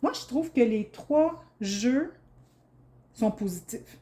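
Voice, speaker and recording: A woman's voice: on the high side, expressive, slow pace, dark tone. Chatty Québécois tarot reader woman. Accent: Québécois French. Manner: chatty and enthusiastic, many fillers and restarts. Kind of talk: casual tarot reading for viewers.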